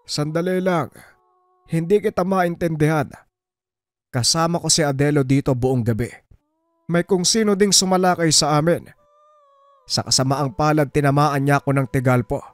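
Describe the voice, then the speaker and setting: A soft-spoken old village man pleads for calm in a measured voice, pitched well above the performer's own, as a male narrator puts him on. The sound is dry and close, with no room around it. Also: no echo, close to an everyday voice. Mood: calm pleading.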